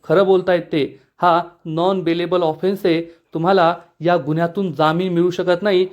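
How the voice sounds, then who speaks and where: Sober lawyer, matter-of-fact, read by a high-voiced man, lo-fi. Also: level tone, moderate pace, natural voice. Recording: dull lo-fi recording.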